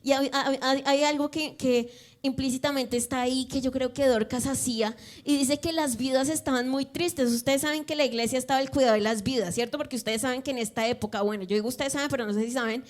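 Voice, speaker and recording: A woman's voice: sits high, fairly even intonation, quick pace. A woman preaching an expository sermon in a conversational way, often putting questions to the congregation.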